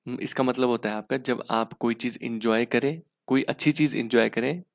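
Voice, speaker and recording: A young man with an Indian accent, teaching English grammar and vocabulary for exam prep in a casual lesson, reading sentences out slowly word by word and checking in with repeated rhetorical questions. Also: medium pitch, steady tone, vocal fry, no room sound, studio quality.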